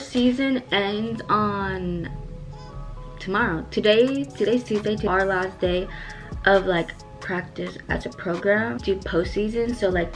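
A teenage girl talks straight to her viewers in an easy, rambling vlog voice, sprinkling "like" and casual slang through every sentence. Her pitch sits right in the middle of the usual range for her age. Clear background music plays under her the whole time. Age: teens. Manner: chatty, full of "like" and slang. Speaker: vlogger. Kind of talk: casual chat to camera.

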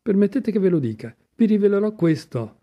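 A man doing Mitya, impassioned and high-strung. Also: very animated, fairly quick, dull audio. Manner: pleading, exclamatory outbursts. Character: young man, impassioned, excitable, desperate.

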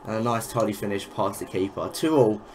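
A man's voice: on the low side, a little fast, darkish tone, slight background noise. A young man giving casual, frustrated gameplay commentary, swearing and exclaiming over each goal. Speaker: gaming YouTuber.

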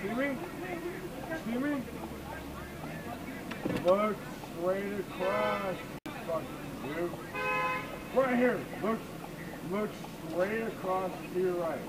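Drunk, unruly high-pitched man shouting. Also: extremely slow, pauses often. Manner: drunk, unruly, loudly swearing and insulting. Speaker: rideshare passenger. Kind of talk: agitated shouting to a friend. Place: inside a car on a street at night. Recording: noisy car interior with street noise.

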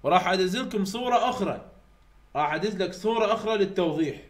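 A man with an Iraqi Arabic accent giving an online university lecture, repeating key points slowly to drill his students. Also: sits high, expressive. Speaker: university English tutor. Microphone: computer mic over weak internet.

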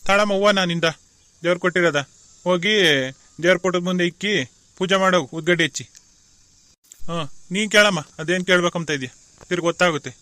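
A performer voicing a gruff, impatient village temple priest in a cartoon, speaking. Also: mid-range voice, fairly even intonation, fast, long pauses, sharp tone, no room sound, pitched below the performer's own voice, close to an everyday voice. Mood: instructive. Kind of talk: cartoon voice acting.

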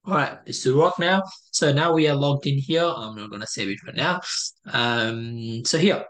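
A man's voice: medium pitch, normal speed, fairly bright tone. Young man, from Nepal, tutorial walkthrough, casual explaining, headset mic, home room. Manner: explanatory, casual, with frequent fillers and restarts. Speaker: test prep tutor. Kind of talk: screen-share walkthrough tutorial.

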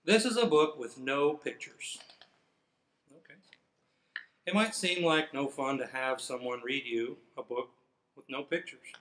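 With frequent pauses and a slightly slow pace, a middle-aged firefighter theatrically reads a children's book, hamming it up playfully. His medium-pitched voice is fairly bright, echoing around the indoor space in front of a fire truck.

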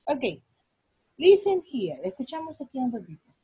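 Woman teacher, online class, husky voice, slow and patient, dry sound. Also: sits high, sing-song, mellow, no echo, rough recording. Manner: slow, patient explaining with drawn-out English examples. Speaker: English teacher.

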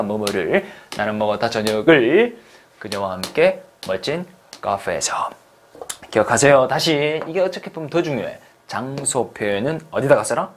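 Man, online English lesson, lively pitch, slow repeat-after-me drills, faint hiss. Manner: lively, drills phrases slowly for repetition. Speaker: English teacher.

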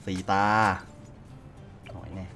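A man's voice: slow pace, a bit bright, faint music behind. A man giving casual let's-play commentary, chatty and thinking aloud as he plays. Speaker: gaming YouTuber.

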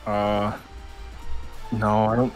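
A man's voice: lowish voice, completely flat delivery, extremely slow, faint music behind. A young man co-hosting a gaming video with casual chat over the gameplay.

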